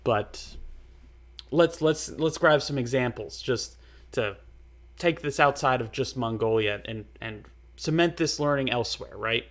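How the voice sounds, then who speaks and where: Man, casual lecture, slow pace, rambling, many fillers. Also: medium pitch, fairly bright tone.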